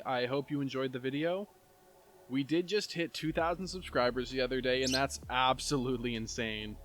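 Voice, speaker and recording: A man narrating online stories for his channel as its host. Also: mid-range voice. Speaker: YouTube story narrator. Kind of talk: reading online stories aloud. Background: soft chill background music.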